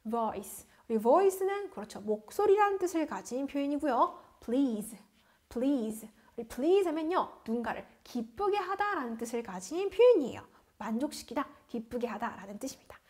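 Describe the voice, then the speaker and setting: A woman teaching English vocabulary in Korean, reading each word twice and explaining it, asking questions and answering them herself. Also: high-pitched. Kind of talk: vocabulary lesson.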